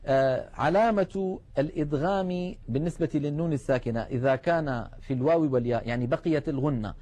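A man giving a calm, step-by-step lesson on recitation rules, slowing down to spell out each example. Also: on the high side. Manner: measured, explanatory, slows to spell out examples. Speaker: Quran recitation teacher. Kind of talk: televised tajweed lesson.

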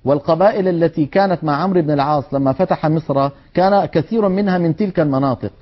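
In a tajweed lesson, a man teaches Quran recitation, demonstrating letter sounds in an earnest, admonishing way. His voice is a little high and he speaks at a quick pace. The recording sounds dull and lo-fi.

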